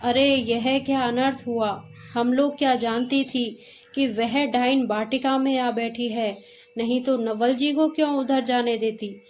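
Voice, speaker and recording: A woman voicing panicked, gossiping village women in a read-aloud story, speaking slowly in a high voice. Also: fairly even intonation, a little mellow, slight background noise, close to an everyday voice. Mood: alarmed.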